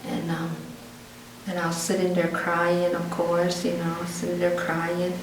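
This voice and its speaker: A woman's voice: fairly low pitch, unhurried. A Pueblo woman from New Mexico telling a family story in an oral history interview, acting out the voices of her relatives. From Pueblo community, New Mexico. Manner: lively storyteller who acts out family dialogue. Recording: roomy, distant, faint background noise.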